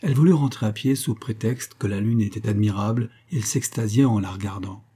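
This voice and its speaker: A man narrating a classic novel aloud in a measured, expressive reading. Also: lowish voice, slightly rough. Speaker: reader of a novel. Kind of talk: literary audiobook narration.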